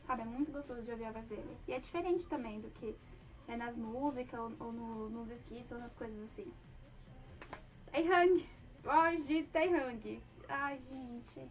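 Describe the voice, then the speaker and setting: A woman's voice: fairly high pitch, steady tone, a little fast, a little mellow, recorded from a distance. A young woman chatting casually as a fan, gushing and rambling with many fillers. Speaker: fan talking about a band. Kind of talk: casual chat.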